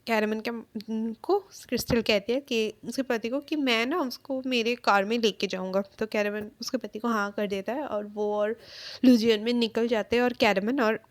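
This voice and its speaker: A woman's voice: a little high, steady tone, moderate pace, no echo. Chatty woman retelling a story. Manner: chatty, lots of fillers and self-corrections. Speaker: fan-fiction narrator. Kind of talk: casual storytelling narration.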